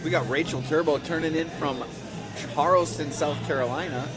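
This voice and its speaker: A man calling play-by-play for a curling broadcast in a relaxed, hesitant way, with frequent fillers. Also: a little high, moderate pace, music in the background, low-quality recording. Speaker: play-by-play commentator. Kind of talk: casual sports commentary. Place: indoor curling center. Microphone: shared desk mic.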